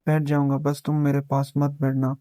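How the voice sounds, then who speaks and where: A man's voice: medium pitch, completely flat delivery, mellow, dry recording, clean studio sound, natural voice. A man voicing a cold, proud young heir in a storybook reading, with curt lines.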